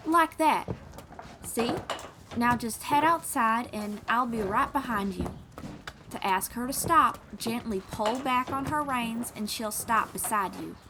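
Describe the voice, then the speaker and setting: With a fairly high voice at a measured pace, a woman acts as a patient, kind young bard in an audio roleplay. Her teaching is gentle, folksy and encouraging, heard over a noisy background.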